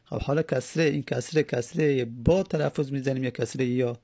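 A man's voice: medium pitch, fairly even intonation, warm tone, slightly rough, no room sound, studio quality. A man teaching a grammar lesson, patiently repeating and spelling out each step. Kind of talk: Arabic grammar lesson in Persian.

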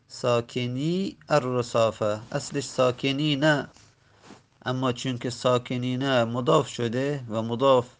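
Male grammar teacher, mid pitch, reads a rule then drags out example words, methodical. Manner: recites Arabic text, then explains it slowly, dwelling on example words. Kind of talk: classroom lesson explanation.

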